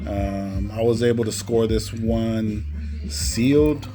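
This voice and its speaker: With music playing in the background, a man presents his cassette collection in laid-back commentary, frequently finishing phrases with "man." His voice sits on the low side and he speaks at a slow pace.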